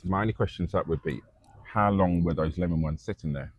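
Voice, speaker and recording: A man's voice: sits low, quick pace, no room sound, narrow, tinny audio. A man co-hosting a casual chat podcast, earnest, stumbling over first words. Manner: earnest, repeats words when starting. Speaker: podcast co-host.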